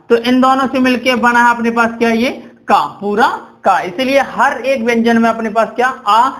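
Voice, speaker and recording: A young man teaching a grammar lesson. He keeps asking questions and answering them himself, repeats key words, and slows to dictate while he writes. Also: very high-pitched, fairly bright tone. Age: young adult. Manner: drawn-out dictation while writing.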